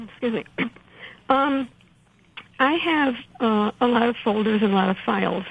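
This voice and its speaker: A woman calling in to a radio show, hesitant and nervous, filling her pauses with ums and uhs. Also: a little high, vocal fry, phone-quality sound, slight background noise. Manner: hesitant, many fillers, nervous. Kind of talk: casual call-in question.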